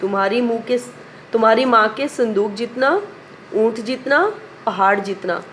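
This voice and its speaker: A woman's voice: on the high side, expressive, normal speed, a bit bright, a little hiss or hum. A woman teacher reciting a children's poem in a sing-song way, asking questions and answering them herself. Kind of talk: primary school lesson recitation.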